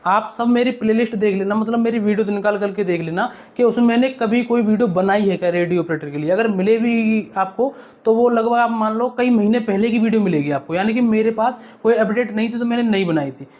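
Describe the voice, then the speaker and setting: A young man who makes exam-update videos speaks informally and earnestly to his viewers like a mentor, repeating his points and frequently checking that they're following. His voice sits high, fairly quick, with a darkish tone, and the sound is lo-fi.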